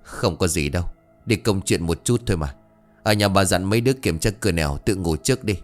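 A man voicing a gruff, domineering old father who is a moneylender, snapping and scolding. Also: low-pitched, expressive, fairly quick, soft background music. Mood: curt.

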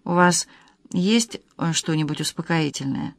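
An audiobook reader voicing a composed, reserved man who speaks quietly and evenly. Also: medium pitch, vocal fry, dry recording, studio quality. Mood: calm. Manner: quiet and measured.

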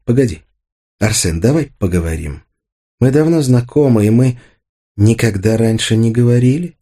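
A man's voice: medium pitch, lively intonation, normal speed, warm tone, pitched above the performer's own voice, lightly acted. A man reading an audiobook, voicing a frightened young woman who pleads in a tense, urgent voice. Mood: pleading.

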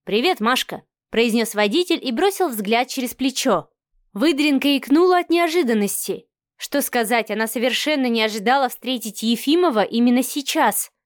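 A woman narrating an audiobook in a lively storytelling way. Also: a little high, normal speed, dry recording, studio quality.

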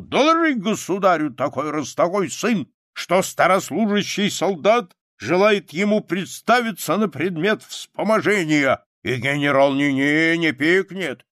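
A man's voice: a little high, no room sound, clean studio sound, pitched above the performer's own voice, exaggerated voice. A man voicing an old, boastful war-veteran soldier, a dying beggar, in an audiobook reading. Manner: loud, hoarse-edged, boastful shouting.

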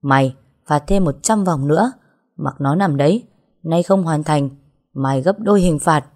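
Cold female mob boss, read by a woman: harsh and commanding, low-pitched. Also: moderate pace, darkish tone. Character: cold ruthless middle-aged female gang boss.

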